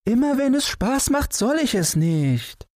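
A man voicing a cheerful, secretive little boy in a storybook reading, using a high childlike voice. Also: sing-song, measured pace, darkish tone, no echo, studio quality, heavily acted. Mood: pouting.

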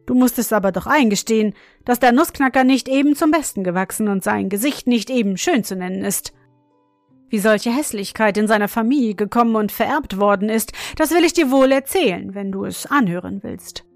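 A woman voicing an odd old godfather and clockmaker, who chants a rasping, monotone clock song and speaks gruffly. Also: on the high side, fairly quick, no echo, faint music behind. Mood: coaxing. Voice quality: rasping, monotone when singing.

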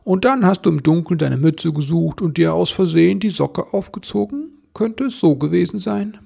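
A man voicing a gentle old santa, warm, chuckling, gravelly and husky. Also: high-pitched, animated, normal speed, voice pushed up, full character voice. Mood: kindly.

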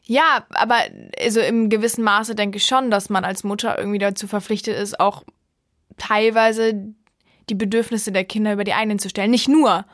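A woman speaking as the host's daughter in a casual podcast chat, quick to object and often laughing. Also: mid-range voice, steady tone, fairly bright tone, dry recording, studio quality.

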